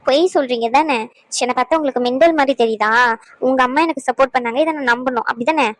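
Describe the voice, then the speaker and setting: A woman's voice: sits high, fast talker, lightly acted. A woman voicing a worried, stubborn young pregnant wife in a cartoon, pleading and pressing with questions. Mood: insistent. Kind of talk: cartoon voice acting.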